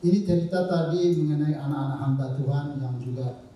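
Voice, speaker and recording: Laid-back guy telling a story, very dark voice, echoey hall, mic far off. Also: fairly high pitch, a little fast, a little hiss or hum. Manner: easygoing, jokey. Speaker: co-speaker. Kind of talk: relaxed storytelling.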